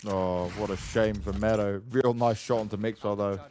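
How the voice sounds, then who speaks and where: Male esports caster, excitable play-by-play, clear game gunfire behind. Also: moderate pace, a little hiss or hum. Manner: excitable, jumps sharply higher on big plays. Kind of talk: play-by-play commentary.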